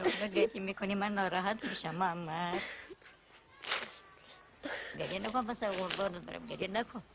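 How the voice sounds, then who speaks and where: An actress playing a tender elderly grandmother who gently coaxes and soothes her grandson in a film drama. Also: mid-range voice, noisy background, natural voice. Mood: soothing. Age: older. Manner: gentle, affectionate, coaxing.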